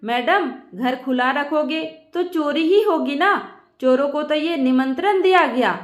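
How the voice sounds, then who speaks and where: A woman's voice: high voice, a little slow, roomy sound. A woman doing a mocking police inspector. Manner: dismissive, mocking.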